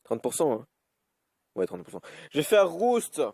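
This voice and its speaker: A man giving live commentary over his own game, cursing often and swinging between high yelps and low grumbling. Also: big pitch swings, unhurried, vocal fry, darkish tone, slightly rough. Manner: swears freely, swings from yelps to grumbling mutters. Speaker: YouTube gamer.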